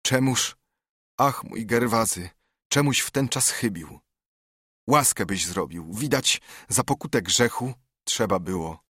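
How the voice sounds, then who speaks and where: A man voicing a dying older monk, once a proud nobleman, giving a grave, measured confession in a verse audiobook reading. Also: on the low side, expressive, fairly bright tone, husky, no echo, studio quality, full character voice. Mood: bitter.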